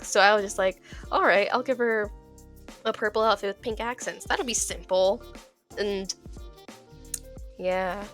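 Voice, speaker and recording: Still sounding a little off after being sick, this young woman talks through her casual art vlog in a mid-range, somewhat bright voice. As a video creator she laughs often, trips over her words, and repeats herself.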